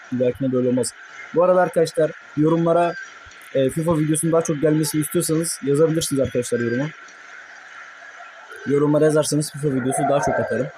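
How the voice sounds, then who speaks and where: Young man, gaming commentary, fast-talking, a bit high-pitched, excitable, noisy background. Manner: excitable, cursing at his players, frustrated outbursts. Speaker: gaming YouTuber. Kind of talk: mobile football gameplay commentary.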